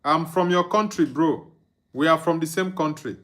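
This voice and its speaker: A young Nigerian man hosts a live football watchalong stream, chatting casually in a slightly bright voice that sits on the higher side, at normal speed. He reads viewer comments aloud, chuckles, and hums and sings under his breath.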